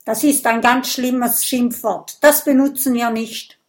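A woman playing a loud, indignant Viking boy. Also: fairly high pitch, steady tone, unhurried, lightly acted.

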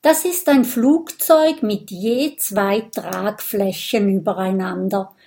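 An eager little boy fire dragon from a storybook, voiced by a woman reader. He talks with bright curiosity, keen on secrets and adventure. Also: medium pitch, takes it slowly, creaky. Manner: eager, bookish, lively.

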